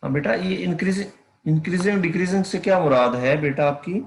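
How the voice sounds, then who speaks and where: Math lecturer, male, coaxing students to respond; slightly high voice, echoey room. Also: a little fast, creaky. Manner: addresses students as beta, checks if they hear. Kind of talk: online class lecture.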